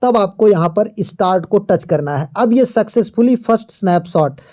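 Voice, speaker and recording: A host talks through an app tutorial over a screen recording. The voice sits at a middle pitch with a mellow, unforced tone. The delivery is steady and methodical, explaining each step and pointing things out as they appear. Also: moderate pace.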